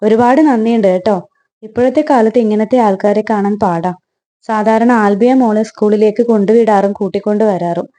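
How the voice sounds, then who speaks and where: A woman's voice: medium pitch, moderate pace, mellow, close to an everyday voice. Woman doing a flustered wealthy mother. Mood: grateful. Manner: flustered, fussing.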